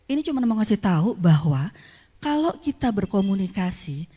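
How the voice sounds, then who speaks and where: Female keynote speaker, animated pitch, quizzes the crowd, long hall reverb. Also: moderate pace, slightly rough. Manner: lively, quizzes the audience, mixes in English phrases. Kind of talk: conference talk. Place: conference hall.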